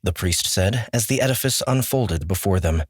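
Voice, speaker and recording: A man narrating an audiobook with measured, steady storytelling. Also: deep voice, slightly rough, no room sound, clean studio sound. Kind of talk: scripted narration.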